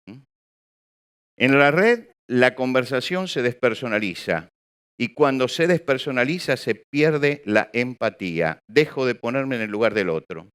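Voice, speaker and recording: Animated, clear-voiced male preacher. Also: mid-range voice. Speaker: pastor. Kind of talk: sermon. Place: church or hall with an audience.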